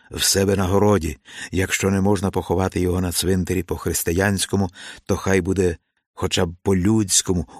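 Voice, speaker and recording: Deep-voiced male audiobook narrator. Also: husky, no room sound. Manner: measured, unhurried storytelling. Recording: dry voice over faint music.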